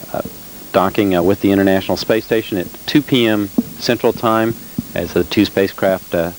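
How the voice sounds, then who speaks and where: Male mission commentator, low register, measured and hesitant live narration, faint hiss on the feed. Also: poor audio. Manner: measured, halting, with very frequent uhs.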